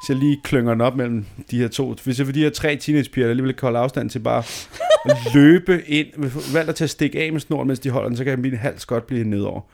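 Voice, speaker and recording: A man's voice: mid-range voice, creaky, a little mellow. A man in his thirties telling a dramatic, self-mocking story in a casual chat, swearing freely.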